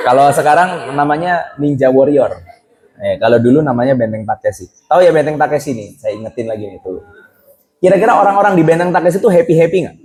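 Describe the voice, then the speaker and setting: A man with a mellow, relaxed tone teaches a casual religious lesson to a young crowd. He talks in a chatty way, keeps checking whether listeners follow, and drops English phrases into everyday speech. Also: mid-range voice, poor audio. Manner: chatty, keeps asking the audience rhetorical questions; mixes English phrases into colloquial talk. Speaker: Islamic preacher teaching youth.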